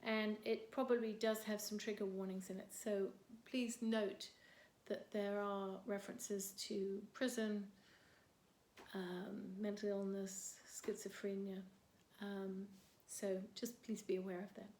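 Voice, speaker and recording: A woman's voice: medium pitch, flat delivery, a little slow, darkish tone. Woman reading poetry in a roomy space. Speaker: poet reading her own work. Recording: roomy echo.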